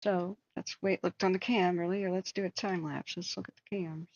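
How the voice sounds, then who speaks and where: A woman's voice: fairly low pitch, fairly even intonation, normal speed, darkish tone, no room sound, lo-fi sound. A woman hosting a livestream with casual wildfire-tracking commentary, thinking aloud in a conversational way. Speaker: livestream host.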